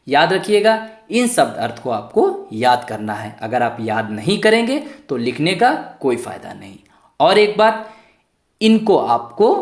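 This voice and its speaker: A male tutor teaches young pupils in an online lesson, his pitch swinging up and down as he goes. He poses questions to the class and answers them himself, slowly sounding out each word letter by letter. His voice rings in an echoey room.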